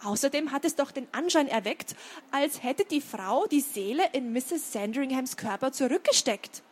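A nervous, high-voiced storybook boy who worries out loud, voiced by a woman reading to children. He sounds timid and easily frightened. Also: animated, husky. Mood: hesitant. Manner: anxious, high and quick to worry. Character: timid young boy who sees ghosts.

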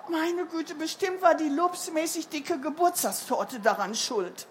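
A woman's voice: high voice, animated, unhurried, slight background noise. A woman voicing a fretful, tender storybook mother. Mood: worried. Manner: soft and tender, worried.

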